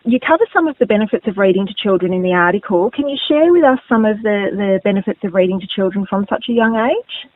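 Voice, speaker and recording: Australian female radio host for a conversational interview; average pitch, thin phone-band sound. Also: lively intonation, fast talker, dry recording. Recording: narrow phone-like radio audio.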